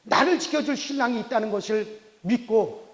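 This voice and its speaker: High-voiced man preaching in a reverberant church. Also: moderate pace. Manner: folksy storytelling with many rhetorical "eh?" checks. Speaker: pastor. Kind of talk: sermon with a childhood story. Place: church sanctuary. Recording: long church hall reverb.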